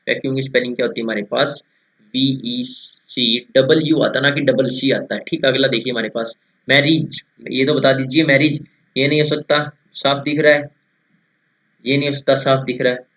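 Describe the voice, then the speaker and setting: A young man drills spellings for an exam-prep class. His voice sits at an ordinary middle pitch, and he keeps repeating words and asking his students rhetorical questions. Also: fairly even intonation, normal speed, bright, forceful tone, lo-fi sound. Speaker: teacher.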